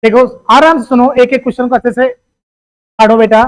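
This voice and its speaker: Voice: mid-range voice, steady tone, a little fast, rough recording. A teacher giving an exam-prep grammar lesson. The teacher keeps asking questions, answers them, and calls the listeners "beta.".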